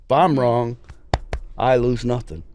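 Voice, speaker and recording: Mid-range and a little slow, the man's voice is scratchy. As a preacher guesting on a podcast, he talks casually but earnestly and emphatically, with folksy storytelling.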